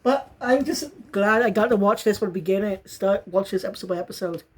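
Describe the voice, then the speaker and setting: A woman's voice: mid-range voice, fairly quick, slightly rough. A woman casually reviewing a show episode, rambling and correcting herself as she goes. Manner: rambling, self-correcting, bursts into fits of laughter.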